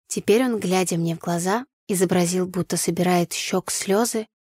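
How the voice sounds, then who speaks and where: A woman narrating a first-person novel in an even, storytelling delivery. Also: lowish voice, moderate pace, no echo, studio quality. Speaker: audiobook narrator.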